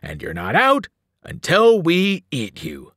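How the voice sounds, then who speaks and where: A man reading aloud and voicing a menacing male giant who eats people, drawing out his words slowly and gloating. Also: a little high, wildly swooping pitch, fairly bright tone, slightly rough, no room sound, clean studio sound, voice pushed up, exaggerated voice. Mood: roaring. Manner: slow, gloating, drawn-out delivery.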